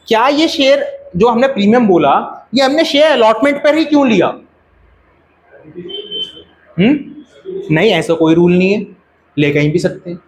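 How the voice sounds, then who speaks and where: A man with an Indian accent teaching a classroom lecture, asking the class questions and repeating their answers. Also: very high voice. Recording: echoey classroom.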